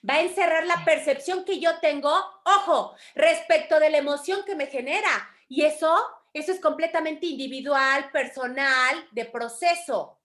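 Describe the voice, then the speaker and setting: A Mexican woman leads a spiritual study class, explaining ideas in a lively, expressive way. Her voice sits high and clear, and she acts out little quoted voices as she teaches. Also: moderate pace, hardly any pauses. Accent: Mexican Spanish. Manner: animated, acts out quoted voices, calls students affectionately. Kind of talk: teaching a course in an online group class.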